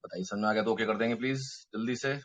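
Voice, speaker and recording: Husky-voiced male math teacher. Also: lowish voice, steady tone, rapid-fire, a bit bright, muffled recording. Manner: explains step by step, checks in with students; mixes Hindi and English terms. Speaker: mathematics teacher. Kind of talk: online math lecture. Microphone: microphone.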